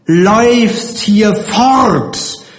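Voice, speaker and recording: A man reading an audiobook and voicing a harsh woman who runs a children's home, shrill and falsely sweet. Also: sing-song, moderate pace, roomy sound. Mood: mock-gentle. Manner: shrill, scolding, mock-gentle. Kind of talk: audiobook character voice.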